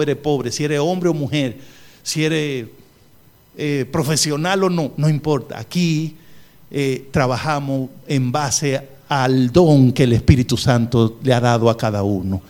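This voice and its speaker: A middle-aged male pastor preaching a sermon with emphatic repetition, humorous asides and wide swings in pitch. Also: darkish tone.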